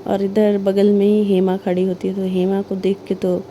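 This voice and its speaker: A woman's voice: mid-range voice, completely flat delivery, moderate pace, warm tone, slight background noise. A woman retelling a serial love story in a chatty way, acting out the characters' lines as she goes. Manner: chatty, retells scenes with quoted dialogue, sings snatches of film songs. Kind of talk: casual spoken storytelling.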